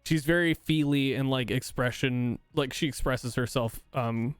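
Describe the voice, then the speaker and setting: A man in his thirties hosting a casual chat, goofy and energetic, laughing often and swearing freely. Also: mid-range voice, unhurried, clear, resonant tone, no echo, faint music behind. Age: 30s. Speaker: streamer host.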